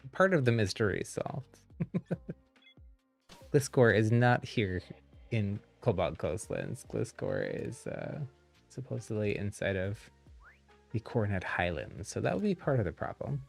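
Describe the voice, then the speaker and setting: Casual male game streamer, retainer in, lively swooping pitch with gravelly fry, rambles as he thinks aloud, faint music behind. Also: moderate pace. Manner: wearing a retainer. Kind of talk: casual live game commentary.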